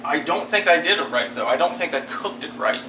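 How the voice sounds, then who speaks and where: A laid-back American man talks candidly through his home cooking. His voice sits a little high and comes from a distance in a roomy, echoing kitchen, with clear background noise. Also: animated, fairly quick. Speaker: amateur cooking vlogger. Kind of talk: casual chat, talking through cooking to camera. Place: small home kitchen, indoors. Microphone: camera a step or two away. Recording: roomy, distant camera mic, noisy hum.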